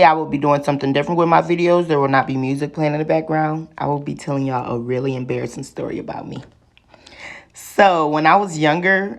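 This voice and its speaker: Young woman telling a loose, slangy story. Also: low-pitched. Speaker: vlogger. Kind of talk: casual storytime while doing hair.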